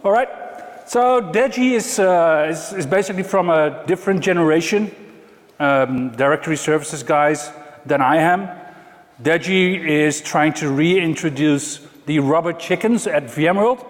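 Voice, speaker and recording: A Dutch man from the Netherlands gives a conference talk in a large conference hall, his voice on the high side and his pace unhurried. He uses dry, self-mocking humor, and the recording has the reverberation of the hall.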